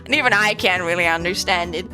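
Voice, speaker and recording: A woman's voice: on the low side, quick pace. A young woman from West Germany with a German accent, chatting casually and rambling with many fillers on a stream, music playing behind her. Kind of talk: casual chat.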